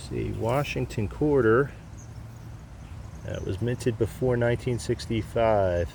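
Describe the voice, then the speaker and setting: A man's voice: medium pitch, slow pace, a little mellow. A man casually narrating a metal detecting vlog outdoors, thinking aloud a little hesitantly as he goes. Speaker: metal detecting hobbyist showing finds. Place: outdoors in a field or yard. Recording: clear outdoor background noise.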